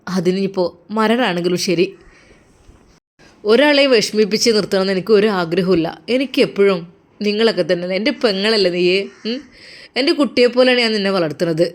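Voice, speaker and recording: A woman's voice: medium pitch, brisk, pauses often, close to an everyday voice. A woman with a Malappuram Malayalam accent voicing a caring older brother who soothes and lectures earnestly. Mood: soothing. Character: caring protective older brother, young man. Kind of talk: storytelling role-play.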